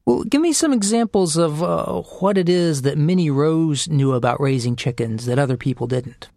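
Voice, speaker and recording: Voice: medium pitch, expressive, moderate pace, creaky, dark tone, no echo, studio quality. A radio host reading a scripted introduction, then asking conversational questions. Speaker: radio interviewer. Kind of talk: public radio interview.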